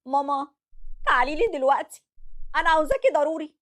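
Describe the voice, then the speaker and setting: A woman's voice: high voice, quick pace, voice pushed up, natural voice. A woman with an Egyptian accent voicing a grieving, tearful young wife and mother. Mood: distraught. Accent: Egyptian Arabic. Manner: pleading, tearful.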